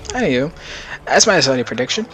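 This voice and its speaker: A man's voice: fairly high pitch, big pitch swings, fast talker, bright, forceful tone, faint music behind. A man rambling casually through his video game predictions in a vlog. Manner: rambling, loose and chatty. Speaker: gaming YouTuber.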